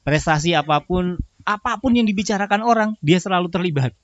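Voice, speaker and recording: A man's voice: high voice, animated, a little fast, dry recording, muffled recording. A man co-hosting a casual podcast chat, laughing often and acting out examples with animation. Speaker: podcast co-host.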